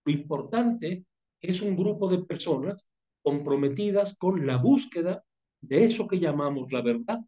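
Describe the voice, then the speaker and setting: A man's voice: a little high, animated, mellow. Older man lecturing with a cold cough. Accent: Mexican Spanish. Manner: thoughtful, digressive, pausing and restarting phrases. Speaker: seminar leader. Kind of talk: university seminar lecture.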